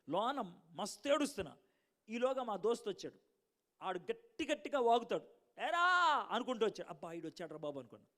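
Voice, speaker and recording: Preacher guy, high voice, goes loud then real quiet telling his story. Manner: lively storytelling preaching, swinging between loud bursts and hushed asides. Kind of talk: sermon.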